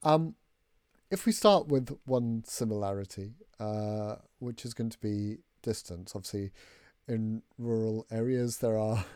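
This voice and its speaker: A man hosting a podcast interview, introducing guests and asking questions in a measured, friendly way. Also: lowish voice, mellow. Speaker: podcast host.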